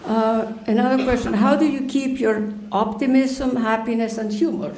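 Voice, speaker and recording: A woman moderator reads out audience questions in a measured, even way. Her voice is slightly high and echoes around a roomy space, with faint noise underneath.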